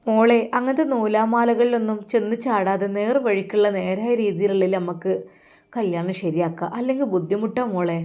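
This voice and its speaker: A woman's voice: medium pitch, normal speed, close to an everyday voice. A woman voicing a caring mother who coaxes and reassures her daughter. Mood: persuading. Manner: coaxing, louder.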